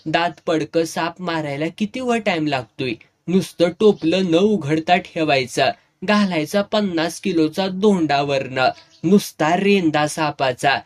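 Man, slightly higher voice, storyteller, dramatic reading. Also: measured pace. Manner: dramatic, raising voice for shouted dialogue. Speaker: narrator. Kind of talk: serialized novel reading with voiced dialogue.

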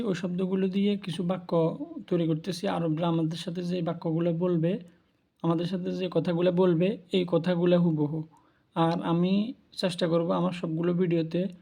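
A man's voice: sits high, gravelly, mellow. A man giving a spoken language lesson, patiently repeating each word for learners. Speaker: language teacher. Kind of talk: spoken lesson on Arabic pronunciation.

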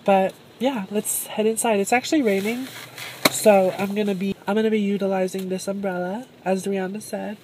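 A young adult woman thrift vlogger chats casually, bubbly and self-admiring, in a parked car and a thrift store. Her mid-range voice has fairly even intonation and runs a little fast. The phone camera is held at arm's length, and the audio is noisy.

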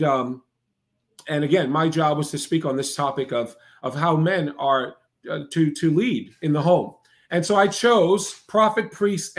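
A man with a notably high voice preaches in a broadcast sermon. His delivery is emphatic and repetitive, with steady "right?" and "all right?" checks to his listeners. He builds points through chanted lists. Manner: emphatic, repetitive cadence with frequent "right?" asides. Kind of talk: preaching to a live online audience.

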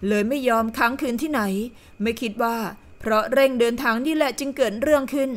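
A woman voicing a gossiping lady in purple in an audio novel, speaking in a low, conspiratorial voice. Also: fairly quick, lightly acted. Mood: confiding. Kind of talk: audiobook character voice.

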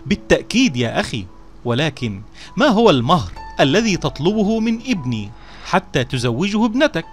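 A touchy younger vizier brother, proud and quick to feel slighted, as a storyteller plays him. He speaks in an indignant, raised voice with a lively rise and fall in pitch. Faint music sits under this storybook scene.

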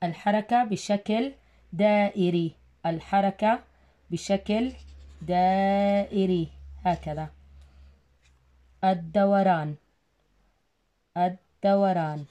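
A woman teacher giving a recorded first-grade science lesson, slowly repeating words and sounding them out for young children. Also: mid-range voice, mellow. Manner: slow, repetitive drilling of words with spelling. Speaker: primary school teacher.

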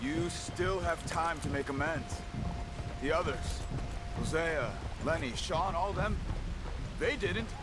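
A calm, steady outlaw companion in a video game, with a measured, earnest delivery in a slightly raised pitch. Loud rain and hoofbeats nearly swamp the voice. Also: male voice, very noisy.

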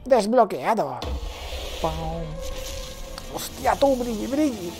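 A man, a let's play streamer giving excitable gameplay commentary and talking to himself. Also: high voice, slow, music in the background. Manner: excitable, swears freely, talks to himself.

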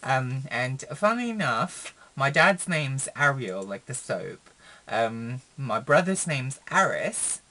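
A young man talks straight to his webcam from a small room, in a mid-range voice. His delivery is chatty and meandering, full of fillers, restarts and sudden expressive jumps in pitch. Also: slow. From Philippines. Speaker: vlogger. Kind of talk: casual chat to camera.

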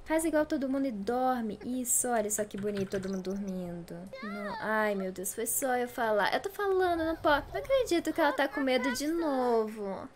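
A woman giving casual gameplay commentary, chatty and exclamatory, talking straight to her viewers. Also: mid-range voice. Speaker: gameplay YouTuber.

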